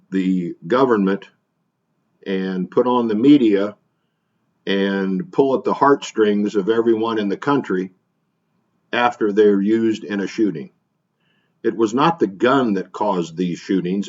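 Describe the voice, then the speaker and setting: A middle-aged man from Illinois hosting an opinion monologue, talking plainly with uhs and frequent throat clearing. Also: on the low side, a little slow. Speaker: vlog host, gun dealer. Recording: dull lo-fi sound.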